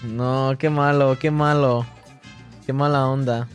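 A man livestreaming late at night, reading chat aloud and joking back in a relaxed, casual way, switching between Spanish and English. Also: mid-range voice, slow, soft background music.

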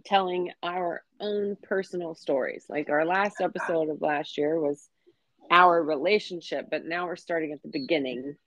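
A woman's voice: low-pitched, moderate pace, fairly bright tone, no room sound, poor audio. Chatty woman in her forties, dry sound. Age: 40s. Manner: chatty, laughs easily, many fillers. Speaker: podcast co-host. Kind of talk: casual chat.

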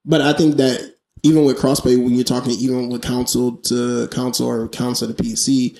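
A man co-hosting a casual podcast chat, telling stories in an animated way and often repeating his words. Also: medium pitch, fairly quick, creaky, echoey room. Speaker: podcast co-host.

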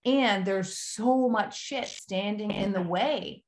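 A woman's voice: medium pitch, slow, rough recording. A woman hosting a casual podcast interview, talking in a hesitant, searching way full of fillers. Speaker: podcast host.

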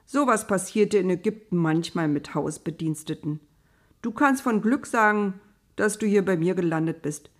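In an audio storybook, a wry and good-humored old jailer teases a newcomer in a gruff, chatty voice, as a woman reading puts him on. The voice sits fairly low. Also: moderate pace, close to an everyday voice.

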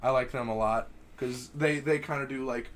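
A young man in casual podcast chat, relaxed and laughing easily, with lots of "like" fillers. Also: mid-range voice, normal speed, a little hiss or hum. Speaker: podcast co-host.

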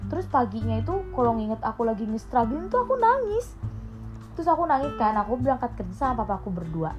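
A woman's voice: on the high side, very animated, quick pace, highs cut off, music in the background. Young woman telling candid stories. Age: young adult. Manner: candid, emotional storytelling with many fillers. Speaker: podcast co-host. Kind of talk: casual late-night chat.

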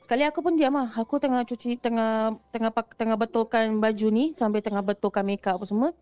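A young woman with a fairly high voice tells a spooky tale in a lively, chatty way. She slips English words into her speech and acts out the lines of the people in the story. The recording is dry and close. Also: fast, smooth, no room sound. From Singapore. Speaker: guest storyteller. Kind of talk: casual ghost-story telling.

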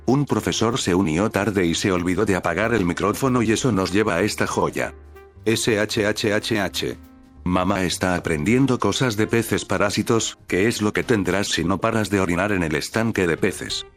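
Deep-voiced man reading stories aloud. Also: normal speed, hardly any pauses, faint music behind. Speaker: narrator reading online stories. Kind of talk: scripted narration.

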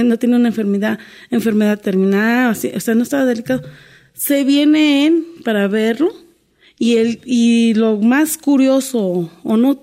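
Gravelly-voiced woman telling her story. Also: on the high side, dark tone. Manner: earnest, storytelling with many restarts. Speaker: guest, domestic worker. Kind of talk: candid interview conversation.

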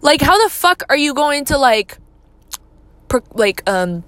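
A young woman with a fairly high voice, recorded close and dry, chats on her own podcast in a loose, rambling way. She piles up fillers and drops casual swears, easygoing but quick to turn indignant. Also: dry recording. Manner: laid-back, then animated and indignant. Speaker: podcast host. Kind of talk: casual solo podcast chat.

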